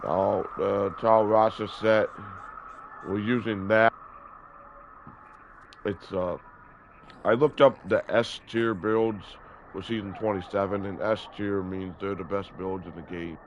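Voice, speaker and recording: A gaming video host in his early thirties, stuffy and hoarse from a cold, talks casually through the gameplay, rambling with many fillers and revising what he says. His voice is on the low side and steady, slow, with frequent pauses. Background noise runs under the dull lo-fi audio.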